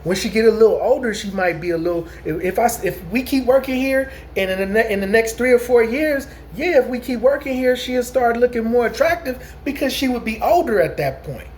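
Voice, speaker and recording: A man's voice: very high-pitched, lively intonation, fairly quick, few pauses, slight background noise. A man in his late forties telling a long, rambling story in a casual vlog, restarting sentences and asking his listeners whether they follow. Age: 40s. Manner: rambling, repeats "you know what I'm saying", frequent restarts. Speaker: vlogger.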